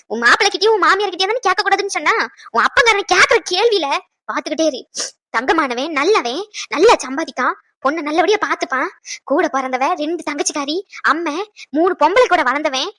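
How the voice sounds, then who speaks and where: Exasperated scolding mother, very high, quick, bright, dry close recording. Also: dry recording, exaggerated voice. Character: fretful mother, angry over her married daughter. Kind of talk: TV serial drama acting.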